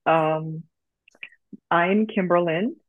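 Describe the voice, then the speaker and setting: A woman from Liberia, a podcast guest talking in a calm, reflective way. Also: on the low side, extremely slow, dry recording. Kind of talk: casual podcast chat. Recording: tinny phone-like line, dry.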